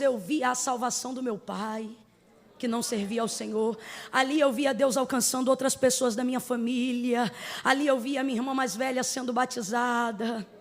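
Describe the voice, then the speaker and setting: A Brazilian woman preacher giving an emotional sermon, telling her story dramatically and building to shouted calls to the congregation. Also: sits high. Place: church congregation.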